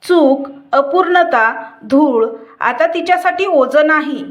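A woman telling a family story in a gentle, measured narration. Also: sits high, animated, dull audio.

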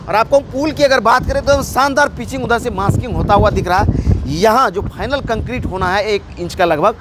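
High-voiced man narrating a car ride. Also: a little fast. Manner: running commentary while driving. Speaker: local news reporter. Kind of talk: on-the-road video report. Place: inside a moving car on a bridge, outdoors at the end. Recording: road and traffic noise.

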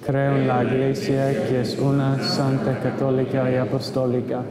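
A male priest celebrating Mass recites the creed and prayers liturgically, his delivery measured and even. The congregation answers back amid crowd noise, and his mid-range voice echoes through the large, reverberant church like a cathedral.

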